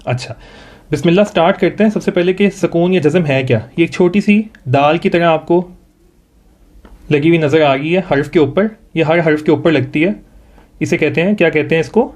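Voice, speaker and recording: Patiently tutoring a single student in Quran reading, a man with a Pakistani accent models each sound slowly so it can be repeated back. His voice sits fairly high, with a darkish tone.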